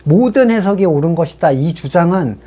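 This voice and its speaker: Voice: medium pitch, lively intonation, brisk, warm tone, breathy edge. A pastor giving a sermon in a conversational way, reading scripture passages aloud and then explaining them with rhetorical questions to the congregation.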